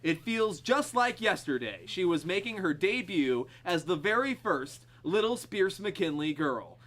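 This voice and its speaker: A man doing a salesy TV pitchman. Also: sing-song, a little slow, fairly bright tone, exaggerated voice. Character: smooth male TV spokesman in a suit.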